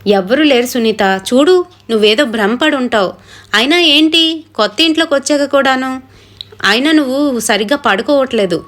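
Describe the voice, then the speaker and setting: A woman's voice: high-pitched, moderate pace, fairly bright tone. A woman voicing a protective young husband who lectures and brushes off his wife's fears. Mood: reassuring. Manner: dismissive, lecturing.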